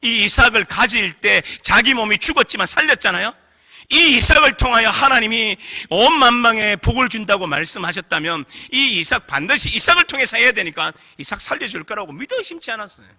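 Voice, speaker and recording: A man's voice: high-pitched, brisk. A middle-aged male pastor preaching a revival sermon, questioning the congregation and getting them to answer back. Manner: animated preaching with call-and-response questions to the congregation. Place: church sanctuary. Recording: long hall reverb.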